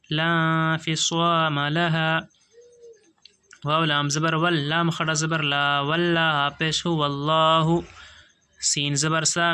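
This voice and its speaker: Bright clear-voiced man teaching Quran reading. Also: a little high. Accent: Urdu. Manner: slow drawn-out recitation between quick explanations. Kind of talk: spelling out and reciting Quran lesson.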